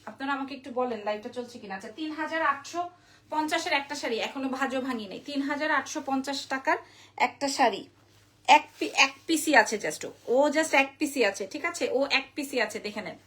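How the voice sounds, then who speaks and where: A woman from Bangladesh running a live sales stream for her saree shop, chatting fast and greeting viewers by name. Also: sits high, a bit bright.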